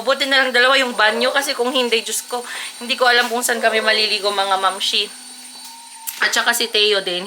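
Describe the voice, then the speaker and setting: A chatty young mother talks straight to her viewers from home, breezily switching between Tagalog and English as she addresses them as fellow moms. Her voice sits at a middle pitch. Household noise runs clearly underneath her. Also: bright, forceful tone. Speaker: family vlogger and mother. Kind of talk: casual chat to camera. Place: home indoors, kitchen and bathroom.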